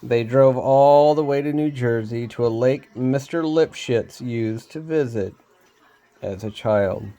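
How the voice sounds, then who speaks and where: A man reading a storybook aloud, unhurried, with small slips he laughs off. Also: mid-range voice, mellow.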